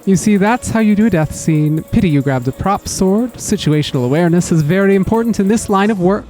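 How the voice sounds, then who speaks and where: Guy doing a pompous evil theater director, super overacted death scene stuff, highish swoopy voice for a game. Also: expressive, brisk, a little mellow, soft background music. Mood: hammy, indignant. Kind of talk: video game read-aloud acting.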